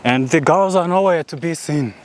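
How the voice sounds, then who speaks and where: A man's voice: fairly high pitch, normal speed, slight background noise. A man vlogging outdoors while hiking in hilly countryside, out of breath, chatty and slangy, filming on a handheld phone. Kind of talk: casual vlog narration while hiking.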